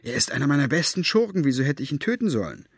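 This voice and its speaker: Brief: vain old storyteller, raised, animated and husky, a man reading the part. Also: fairly high pitch, fast, no room sound, studio quality, voice pushed up, exaggerated voice. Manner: animated, self-satisfied rambling. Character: excitable elderly male author, vain and talkative. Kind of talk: audiobook character voice.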